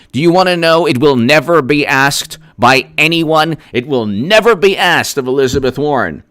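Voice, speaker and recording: A man hosts a political commentary livestream, sarcastic and emphatic as he rattles off statistics and thanks viewers for their messages. His voice is fairly high and fairly bright, recorded in clean studio sound with no room sound.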